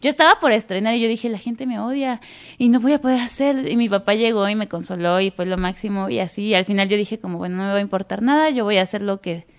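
Animated young Mexican woman telling stories. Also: mid-range voice, fast. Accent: Mexican Spanish. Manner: animated, acts out quoted dialogue. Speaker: guest actress. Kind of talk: casual interview storytelling.

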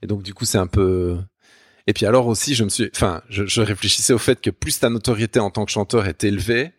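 With a fairly low voice and a quick pace, this Namur-accented Belgian man, a guest who teaches Spanish at university, jokes at his own expense in a relaxed podcast chat. He restarts his sentences frequently, and the recording is dry and studio-clean.

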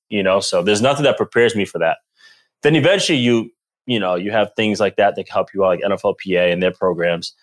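A man in his thirties from the East Coast of the US, a guest telling stories in a casual chat and laughing often. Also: fairly low pitch. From Rhode Island, US East Coast. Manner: animated storyteller who laughs often. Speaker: guest, former pro football player.

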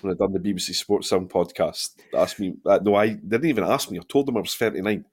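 Scottish male podcast host in his thirties, lowish, jokey banter. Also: darkish tone, slightly rough. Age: 30s. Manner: bantering, quick laugh, reads listener questions. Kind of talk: casual podcast chat.

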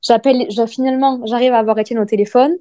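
Chatty woman with a mellow voice. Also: on the high side, quick pace, no room sound. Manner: chatty, many fillers, animated retelling. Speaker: guest telling her birth story. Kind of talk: casual podcast storytelling.

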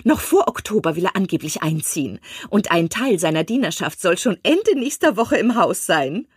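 Woman doing a shrill excitable mother. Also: moderate pace, slightly rough, no echo, clean studio sound. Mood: excited, insistent. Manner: shrill, breathless insistence. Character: fussy excitable middle-aged mother, matchmaking. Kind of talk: audiobook reading.

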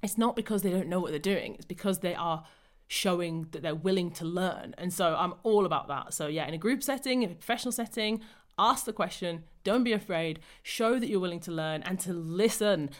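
A woman's voice: fairly low pitch, fairly quick. Enthusiastic woman podcast host. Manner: enthusiastic, reflective. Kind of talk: casual conversation.

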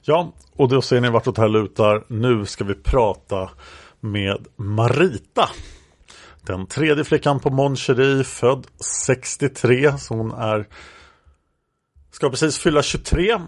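Creaky-voiced man narrating archive transcripts. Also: medium pitch. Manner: measured, explanatory reading. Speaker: narrator and presenter.

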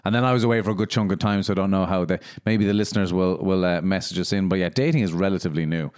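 Irish man, 30s, low pitch, dry close recording, casual talk. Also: a little mellow, smooth, dry recording. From Ireland. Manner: interjects with questions and quick agreement. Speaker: podcast co-host. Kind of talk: casual chat.

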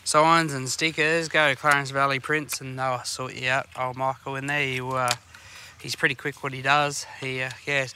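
A man's voice: medium pitch, level tone, normal speed, sharp tone, a little hiss or hum. A man with an Australian accent co-hosting a podcast, chatting casually in a slangy, blokey tradesman manner. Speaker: podcast co-host. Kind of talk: casual chat.

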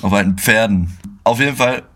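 A young man co-hosting a casual podcast, telling slangy, excitable stories with bursts of laughter. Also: fairly low pitch, fairly quick. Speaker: podcast co-host. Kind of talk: casual chat.

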